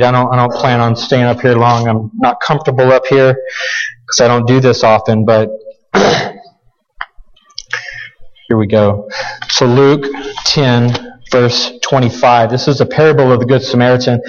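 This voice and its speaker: In a lo-fi recording from a church sanctuary, a man with a mid-range voice preaches as a guest. His sermon is casual and humble with frequent restarts, and he sounds scratchy and coughs.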